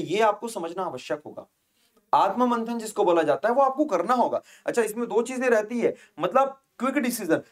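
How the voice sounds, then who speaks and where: High-voiced man giving a motivational lecture. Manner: addresses students as friends and children, rhetorical questions; casual speech mixed with English phrases. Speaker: exam coaching teacher.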